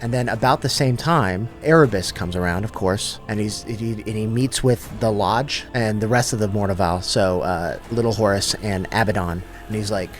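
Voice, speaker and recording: A lore channel host casually retells a long story in an abridged way, using loose, slangy everyday speech and paraphrasing the characters. His voice is fairly low, with a moderate pace and few pauses, over soft background music.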